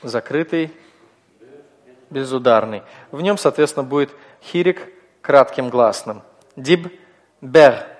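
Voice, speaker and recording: A man's voice: mid-range voice, lively intonation, a little slow, pauses often, in a large hall. A man teaching a class, explaining step by step in a patient manner with frequent hesitations. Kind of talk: classroom lecture.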